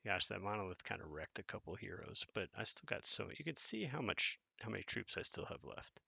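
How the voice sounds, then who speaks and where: Gravelly low-voiced man commenting on gameplay. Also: sing-song, brisk, bright, forceful tone, no echo. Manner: casual, thinks aloud, chats with viewers. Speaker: gaming content creator.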